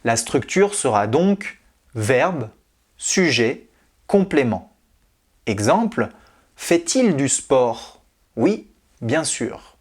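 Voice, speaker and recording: A teacher narrating a scripted French grammar lesson, reading out example questions and their answers in a deliberate way. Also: medium pitch, big pitch swings, a little mellow, slightly rough.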